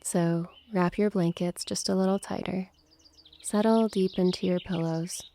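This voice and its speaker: A woman hosting a sleep meditation, speaking softly, slowly and soothingly, sometimes in a whisper. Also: fairly low pitch, steady tone. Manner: soft, slow and soothing, with whispered passages. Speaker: host.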